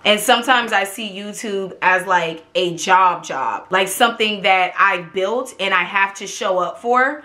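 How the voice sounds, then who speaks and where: A woman in her twenties chatting casually and candidly to camera as a YouTuber, emphatic and expressive, with slangy talk and free swearing. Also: mid-range voice. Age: 20s. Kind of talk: casual confessional chat to camera. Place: small indoor home room, seated before a tapestry.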